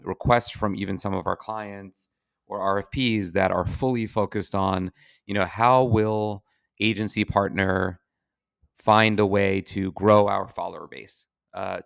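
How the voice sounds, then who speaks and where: A man's voice: low-pitched, vocal fry, a bit bright, no room sound, studio quality. A man giving an informal business advice monologue in an opinionated, emphatic, plain-spoken way. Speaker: marketing agency professional giving advice.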